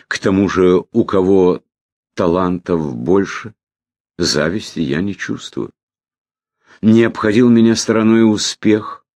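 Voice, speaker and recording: A man reading a reflective memoir as audiobook narration, in a measured way with phrase ends that trail off. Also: very deep voice, creaky, darkish tone, no echo.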